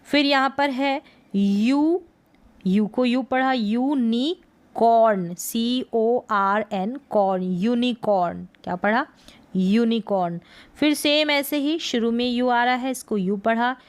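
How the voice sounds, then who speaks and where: A woman teaching English pronunciation in a slow lesson, spelling out letters and repeating each word. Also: a little high, clear, resonant tone. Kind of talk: slow explanatory lesson in Hindi.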